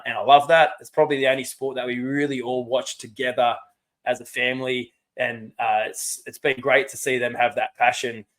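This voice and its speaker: Heartfelt dad on a podcast. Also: male voice, medium pitch, fairly bright tone. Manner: heartfelt, nostalgic storytelling. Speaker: podcast co-host. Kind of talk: casual podcast chat, storytelling.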